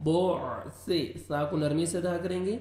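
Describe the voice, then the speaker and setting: A man teaching Quran recitation, explaining the rules quickly and then reciting each verse slowly and drawn out. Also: fairly high pitch, steady tone, mellow, roomy sound. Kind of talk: tajweed recitation lesson.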